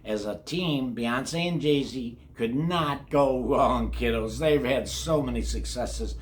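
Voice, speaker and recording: A little hiss or hum sits under the medium-pitched voice of an older man who reads slowly to children. Hosting a read-along, he delivers the book folksily, repeats words, and turns to address the kids with chatty asides.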